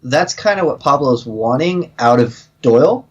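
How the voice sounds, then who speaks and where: A man's voice: medium pitch, animated, normal speed, husky, dull audio. Blunt man chatting soccer. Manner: blunt, laughs often. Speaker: podcast co-host. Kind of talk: casual sports chat.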